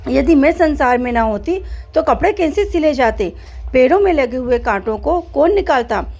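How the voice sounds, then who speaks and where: A woman's voice: high voice, lively intonation, moderate pace, faint music behind. Woman voicing a patient sister needle. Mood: reasoning. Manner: gentle, reasoning, sisterly. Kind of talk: children's storybook acting.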